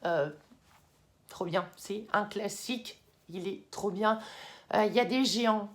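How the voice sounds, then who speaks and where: A young woman in casual vlog talk, chatty with many fillers and excited bursts, now and then moving off the mic. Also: medium pitch, unhurried. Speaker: YouTuber ranking anime. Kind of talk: casual vlog tier list.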